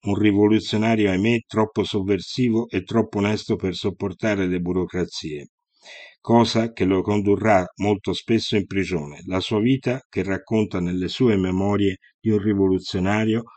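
A man narrating a historical account in a steady, measured storytelling manner. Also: on the low side, no room sound.

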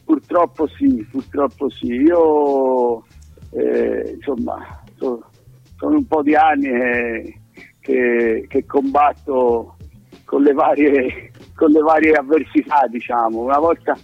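Farmer caller, male, on speakerphone, gravelly, stumbling speech, dull phone line. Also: medium pitch, animated, faint music behind. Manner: halting, stammering restarts. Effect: heard over a phone on speakerphone. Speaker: farmer guest calling in. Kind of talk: casual chat.

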